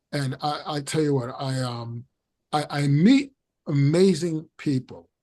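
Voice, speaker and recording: A man's voice: mid-range voice, darkish tone. A man hosting a podcast interview, effusive in his praise and often repeating words as he searches for them. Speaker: podcast host.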